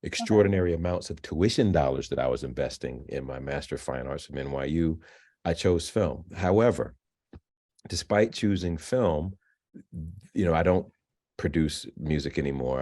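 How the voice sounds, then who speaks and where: A man in his fifties, interviewed about his career, talking in a halting way with frequent restarts and repeated words. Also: rumbling low, dark tone. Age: 50s. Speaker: filmmaker and novelist, alumnus guest. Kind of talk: interview, conversational. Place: virtual interview.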